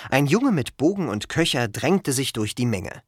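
An audiobook narrator reading a story in a measured, storytelling manner. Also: medium pitch, very animated, slightly rough, dry recording, studio quality. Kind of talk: scripted narration.

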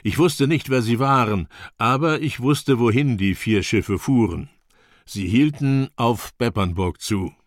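A man reading a first-person audiobook in a measured, grave storytelling manner, close on the microphone. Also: mid-range voice, no room sound. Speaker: audiobook narrator. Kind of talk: scripted first-person narration.

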